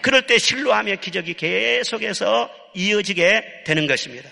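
A man preaching at a revival service, emphatic and full of rhetorical questions, dropping soft then rising loud. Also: sits high, animated, normal speed, creaky. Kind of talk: sermon. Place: church sanctuary. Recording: long hall reverb.

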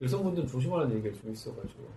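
A man's voice: mid-range voice, animated, rapid-fire. A man hosting a casual group chat, chatty and playful, often echoing what his guests say. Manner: chatty, playful, echoes others' answers. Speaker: podcast host. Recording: clearly noisy background.

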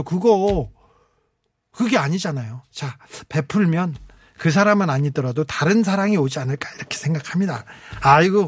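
A man hosting a late-night radio show, chatting and reading listener messages with warm, teasing asides. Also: high voice, dry recording. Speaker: radio DJ host. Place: radio studio. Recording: music playing faintly behind.

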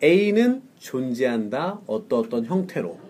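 A man teaching English on a podcast, drilling phrases slowly for his co-host to repeat. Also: mid-range voice, big pitch swings, darkish tone, a little hiss or hum. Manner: slow, careful drilling of English phrases for repetition.

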